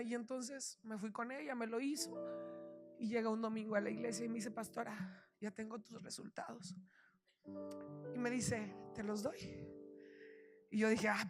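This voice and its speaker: A middle-aged woman, a guest pastor, preaching an emotional sermon that swings between soft hushed telling and fervent shouted prayer. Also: fairly high pitch. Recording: church with loud music behind. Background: music playing.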